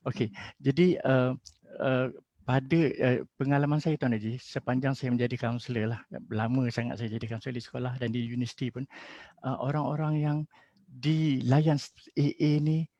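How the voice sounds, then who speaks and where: A man's voice: medium pitch, normal speed, dry recording. A middle-aged man, a school counselor, telling stories in a webinar talk and acting out the people he quotes. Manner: lively storytelling, acts out quotes. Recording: dull lo-fi webinar audio.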